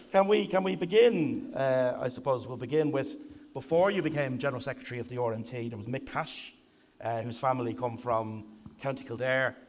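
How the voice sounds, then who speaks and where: A man's voice: mid-range voice, normal speed, slight background noise. A man hosting a live stage interview, joking wryly and chuckling at his own remarks. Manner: jokey, wry, chuckles at his own lines. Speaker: podcast host, interviewer.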